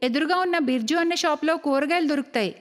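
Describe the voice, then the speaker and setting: A woman's voice: high voice, fast, long reverb tail, close to an everyday voice. A woman voicing a meek but fed-up young daughter-in-law who complains and pleads in a cartoon story. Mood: complaining. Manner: pleading, whiny.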